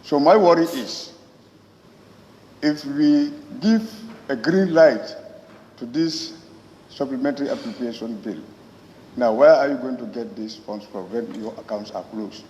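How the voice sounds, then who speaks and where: A man with a Gambian accent, a member of parliament, gives a parliament speech in deliberate, halting phrases. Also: mid-range voice, warm tone. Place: large parliament chamber. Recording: echoey hall, muffled, faint noise.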